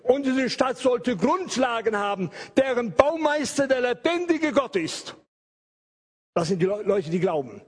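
A man's voice: very high-pitched, big pitch swings, unhurried, slightly rough. An older man preaching an evangelical sermon, emphatic, repeating phrases and stretching key words.

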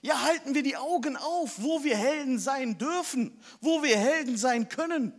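A male preacher delivers a sermon through lively storytelling. His voice sits high and leaps up and down as he drives his points home. He sometimes pushes toward a shout. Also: moderate pace. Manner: animated storytelling. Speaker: pastor.

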